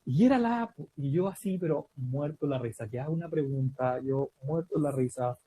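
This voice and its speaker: A man from Chile with a Chilean accent, telling a lively story about a quiz show win, often laughing and acting out the dialogue. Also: mid-range voice, normal speed, slight background noise, poor audio. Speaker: guest storyteller. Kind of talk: casual anecdote telling.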